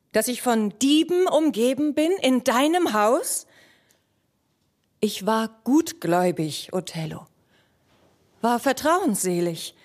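An actress playing a young noble wife who pleads with her jealous husband in a measured, intimate dramatic monologue that often sinks to a whisper. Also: mid-range voice, darkish tone. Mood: pleading.

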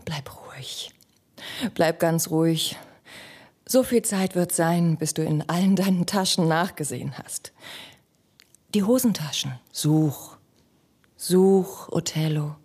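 An actress playing a young noble wife who pleads with her jealous husband in a measured, intimate dramatic monologue that often sinks to a whisper. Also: medium pitch, warm tone, natural voice.

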